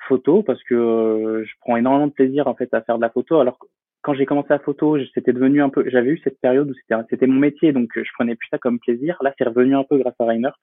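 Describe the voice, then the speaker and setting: Young male guest, halting and filler-heavy, on a tinny dry call line. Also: mid-range voice, steady tone, slightly rough, no echo. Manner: hesitant, many fillers and restarts. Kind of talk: casual interview talk.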